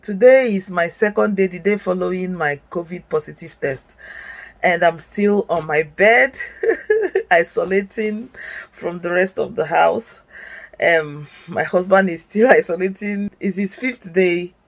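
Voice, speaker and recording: A middle-aged woman who works as a nurse films a casual story-time vlog from her bed at home while sick. Her fairly low voice is animated and unhurried, sounding stuffy and chesty, and though she hesitates with many fillers, she keeps an upbeat tone.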